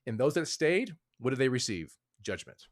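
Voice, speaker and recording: In a sing-song, medium-pitched voice at a moderate pace, an author on a podcast lays out his opinions. His casual interview answers are hedged and reflective, sprinkled with fillers.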